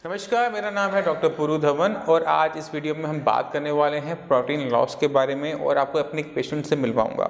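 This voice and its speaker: A man's voice: fairly high pitch, in a large hall. A man, a doctor, explaining treatment earnestly to camera and interviewing a patient, with rhetorical questions. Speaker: doctor hosting a health channel.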